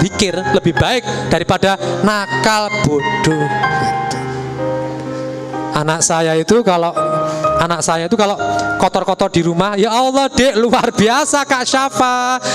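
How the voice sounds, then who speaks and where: A man giving an animated motivational talk to teachers, acting out little scenes and quizzing the audience. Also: high voice. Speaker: motivational speaker. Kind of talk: lively motivational seminar talk. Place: school arts hall. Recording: echoey hall with faint music.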